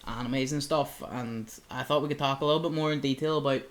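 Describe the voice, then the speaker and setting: A man's voice: medium pitch, fairly even intonation, quick pace. Rambling young man. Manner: rambling, heavy on filler words. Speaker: podcast co-host. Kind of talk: casual chat.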